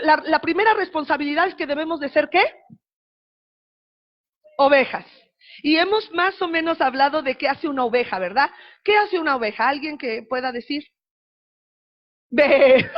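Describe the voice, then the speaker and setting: A woman's voice: sits high, highs cut off. A middle-aged woman pastor, preaching a sermon in a conversational way and asking the congregation questions.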